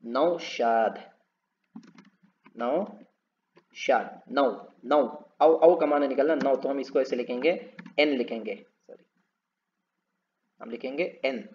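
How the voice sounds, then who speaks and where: A man teaching a spoken English lesson, repeating each word slowly and drawn out as he explains its spelling. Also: mid-range voice, fairly even intonation, a little mellow, highs cut off.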